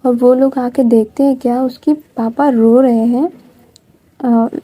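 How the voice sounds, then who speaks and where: A woman's voice: on the high side, steady tone, slow pace, mellow, slightly rough. A woman narrating a story in a casual, chatty way, with frequent restarts.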